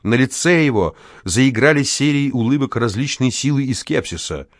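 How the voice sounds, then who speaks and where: A man's voice: medium pitch, lively intonation, normal speed, no echo, studio quality. A man reading fiction aloud expressively as an audiobook narrator. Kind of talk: scripted narration.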